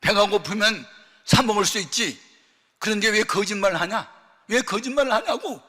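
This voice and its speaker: A man voicing an angry middle-aged mother who shouts and scolds her son harshly. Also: medium pitch, moderate pace, big-room sound. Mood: tearful scolding.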